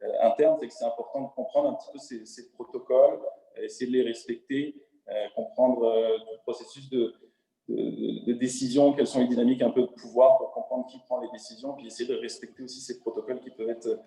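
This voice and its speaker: Hesitant French man, dark echoey voice. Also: medium pitch, steady tone, fast. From France. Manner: hesitant, many fillers and restarts. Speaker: panelist entrepreneur. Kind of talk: webinar panel talk. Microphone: video call.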